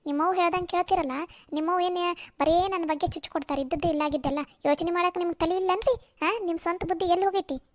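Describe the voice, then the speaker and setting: A young cartoon daughter-in-law, voiced by a woman argues back indignantly in a North Karnataka Kannada accent. Her voice is very high and piercing. The sound is dry and close to the mic. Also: fairly even intonation, fast, dry recording. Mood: defiant. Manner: indignant, argumentative. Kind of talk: cartoon voice acting.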